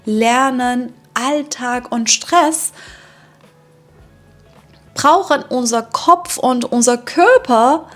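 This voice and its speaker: A woman from Iran talks through her day as a German teacher making a vlog for learners. She speaks very slowly and deliberately, with a fairly high voice. Soft music plays faintly beneath her. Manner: slow and deliberate, with filler sounds. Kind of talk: slow, clear vlog narration for learners.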